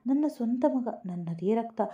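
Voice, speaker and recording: A woman's voice: fairly high pitch, animated, normal speed, mellow, close to an everyday voice. A woman voicing a heartbroken young man who pleads with a choked, tearful voice. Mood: pleading. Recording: dull lo-fi recording.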